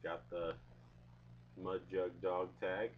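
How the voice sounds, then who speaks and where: Slow-talking, low-voiced young man. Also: flat delivery. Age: young adult. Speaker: video blogger reviewing products. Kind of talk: casual chat to camera. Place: small indoor room at home. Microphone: webcam or laptop mic at arm's length. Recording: dull webcam sound with hum.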